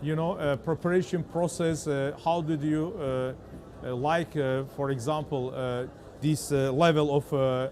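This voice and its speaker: Halting male interviewer with an Azerbaijani accent. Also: a little high, fairly even intonation, darkish tone. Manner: halting, hesitant, frequent fillers in non-native English. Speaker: interviewer, TV journalist. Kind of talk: on-site interview questioning.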